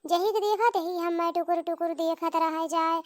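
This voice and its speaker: A woman's voice: very high-pitched, steady tone, normal speed, no room sound. A woman voicing a boastful, gossipy middle-aged village aunt in a comedy cartoon.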